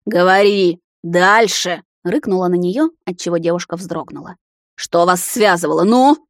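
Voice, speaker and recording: A woman's voice: medium pitch, brisk, no room sound, clean studio sound, close to an everyday voice. A woman voicing a furious, betrayed young heroine who snarls threats and accusations.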